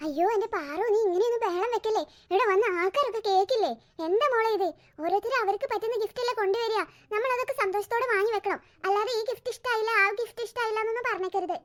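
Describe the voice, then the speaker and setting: A woman's voice: extremely high pitch, racing. A woman doing a fussing cartoon mom. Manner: scolding, coaxing. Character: fussy busy cartoon mother. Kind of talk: cartoon voice acting.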